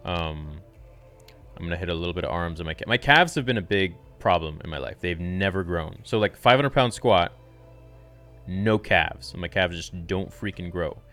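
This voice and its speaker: Very deep-voiced man chatting. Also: lively intonation, normal speed, fairly bright tone, soft background music. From Canada. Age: 20s. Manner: casual, laid-back, reads viewer questions aloud then answers. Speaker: fitness channel host. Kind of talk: live-stream Q&A chat.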